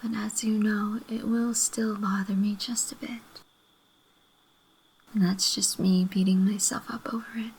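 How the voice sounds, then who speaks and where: A woman playing a loving, apologetic girlfriend in a breathy whispered role-play, gently making up after a fight. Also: medium pitch, level tone, measured pace, rough recording. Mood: tender, apologetic. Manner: gentle, reconciliatory, making up tenderly.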